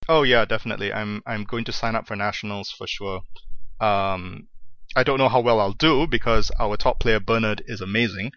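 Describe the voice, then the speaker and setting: A man's voice: lowish voice, fairly even intonation, moderate pace, fairly bright tone, no echo. Self-deprecating man on a dull line. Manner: self-deprecating, laughs often. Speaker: podcast guest. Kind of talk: casual chat.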